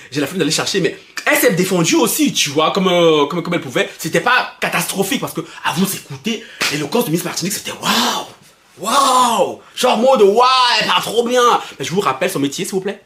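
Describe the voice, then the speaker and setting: A young man from Belgium vents in animated gossip commentary, his voice sitting high. He is excitable and mocking, laughs often and stammers through restarts. The room around him echoes noticeably. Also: fast talker, few pauses. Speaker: YouTuber commenting on pop culture.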